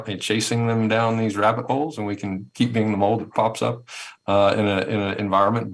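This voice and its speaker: A man with a low, deep voice presents on a webinar over a video call. He speaks conversationally and thoughtfully, circling back and repeating words as he works toward each point. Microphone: video call headset or laptop mic.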